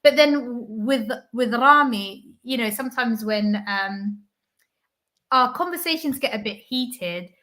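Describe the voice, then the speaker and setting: A British woman, a guest on a chat show, telling anecdotes in a bemused, measured way with hesitant fillers. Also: a little high, pushed and bright. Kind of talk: casual chat.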